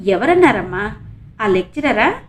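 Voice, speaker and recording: A woman's voice: fairly high pitch, sing-song, unhurried. A woman voicing a young male reporter who comforts his younger sister with concern. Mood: indignant. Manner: eager, concerned, soothing. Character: young male reporter, protective elder brother. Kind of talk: audiobook character reading.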